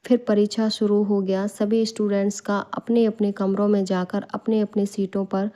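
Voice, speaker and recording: A woman storyteller in scripted narration, reading a bedtime story calmly and evenly. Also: mid-range voice, moderate pace.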